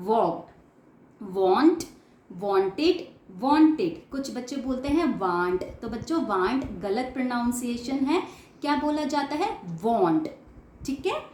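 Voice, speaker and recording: A woman teacher drilling English verb forms, reciting each form with steady emphasis and patiently correcting children's pronunciation. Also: on the high side, echoey room. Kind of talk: slow classroom-style drill lesson.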